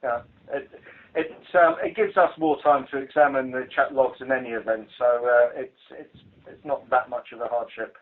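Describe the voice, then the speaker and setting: Over a telephone line, a British man with a mid-range, fairly even voice gives an informal work briefing as a police investigator at a moderate pace. He sounds dry, blunt, and hesitant, and the conference call recording is muffled.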